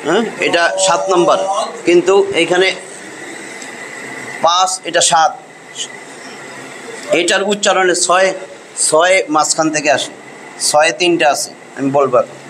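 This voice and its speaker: High-voiced teacher drilling sounds. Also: male voice, steady tone, fairly bright tone, slight background noise, low-quality recording. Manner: drills sounds by slow repetition. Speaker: Quran recitation teacher. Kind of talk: classroom pronunciation lesson.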